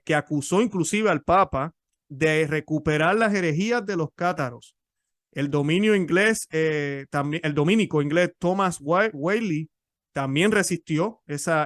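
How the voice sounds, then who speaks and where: A man's voice: fairly high pitch, a bit bright, dry recording, studio quality. A man explaining church history in a teaching talk, often repeating and restarting words.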